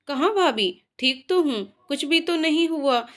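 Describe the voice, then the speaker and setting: A woman's voice: high-pitched, lively intonation, measured pace, fairly bright tone. A woman voicing a dreamy, lovestruck young woman in a storybook tale, gushing and playful. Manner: gushing, teasing.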